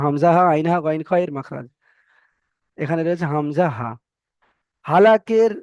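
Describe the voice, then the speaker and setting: A man with a fairly high voice teaches an online tajweed class, talking his students through each rule step by step. He repeats every rule and letter sound so they can follow along. The recording is dry and close, with almost no room sound. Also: a little mellow, no room sound. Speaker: Quran recitation teacher.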